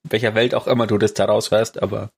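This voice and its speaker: A man co-hosting a podcast in casual chat, with a hesitant, halting delivery. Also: on the low side, little pitch movement, creaky, husky. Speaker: podcast co-host.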